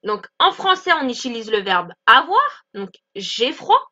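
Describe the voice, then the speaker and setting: A woman teaching English in in an online lesson, explaining clearly and repeating example phrases slowly. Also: a little high, big pitch swings, bright, forceful tone, lo-fi sound.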